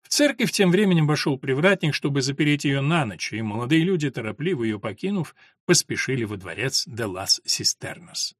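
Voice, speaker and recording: A man narrating a dark gothic novel in a measured storytelling manner. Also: mid-range voice, sing-song, no room sound, clean studio sound. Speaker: audiobook narrator. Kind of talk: scripted narration.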